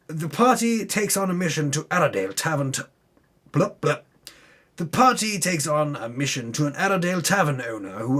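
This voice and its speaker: A man recapping a tabletop game campaign narrates the story theatrically in a fairly high, husky voice with a fairly bright tone. His pitch swings widely for drama, and he keeps breaking off into sweary, spontaneous asides about his own slip-ups.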